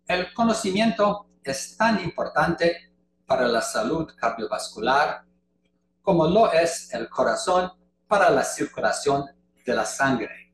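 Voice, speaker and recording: An older conference speaker from Canada presents a prepared lecture, moving slowly and deliberately through a second language. His voice runs on the high side, with big pitch swings. It's recorded via video call webcam in an echoey room with faint noise.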